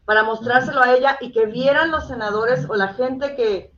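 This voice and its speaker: A woman's voice: fairly high pitch, moderate pace, a bit bright, dull audio. A woman with a Mexican accent giving an earnest, detailed personal account as an interview guest. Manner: earnest, detailed storytelling, checks she is understood. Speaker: interview guest, caregiver mother.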